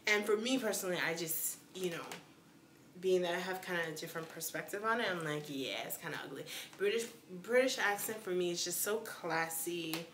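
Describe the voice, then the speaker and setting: A woman's voice: on the low side, a little fast, fairly bright tone, roomy sound, slight background noise. A young woman chatting casually on a live stream, answering viewer questions in a slangy way with lots of "like".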